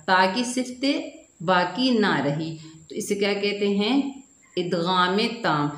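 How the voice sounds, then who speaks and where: A woman teaching children Quran recitation rules, asking questions and answering them herself, and drawing out syllables in slow drills. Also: lowish voice, roomy sound. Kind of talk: children's tajweed lesson.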